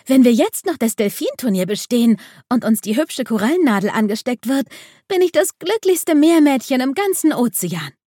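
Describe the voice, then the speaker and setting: A woman voicing Coralie, an excitable young mermaid girl who frets easily, in a storybook reading. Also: high voice, normal speed, no echo, studio quality, pitched above the performer's own voice. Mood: overjoyed.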